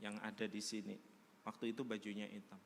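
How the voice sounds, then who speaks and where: A man's voice: fairly low pitch, level tone, brisk, gravelly, slight background noise. A male pastor telling a story in a sermon with humor, acting out the people in it. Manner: humorous, acts out the dialogue in his story. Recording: reverberant hall.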